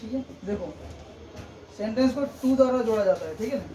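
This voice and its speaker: A man's voice: high voice, lively intonation, a little fast. A man teaching a grammar lesson step by step, checking in with "theek hai" after almost every point. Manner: explains step by step, repeats "theek hai" often. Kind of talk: classroom-style grammar lesson. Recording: echoey room, distant mic, background noise.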